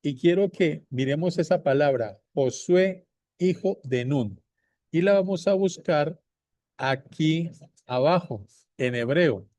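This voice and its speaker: Male Bible teacher, unhurried and repetitive, dark mellow tone, dry close sound. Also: a little high, expressive, no echo. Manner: repeats points slowly, addresses viewers directly. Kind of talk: slow deliberate bible teaching.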